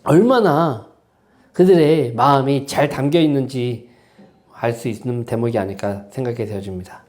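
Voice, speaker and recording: In a church sanctuary, a senior pastor preaches a Sunday sermon with fervor, constantly throwing rhetorical questions and prompting "eh?" tags at the congregation. His voice is mid-range and darkish, delivered at a moderate pace.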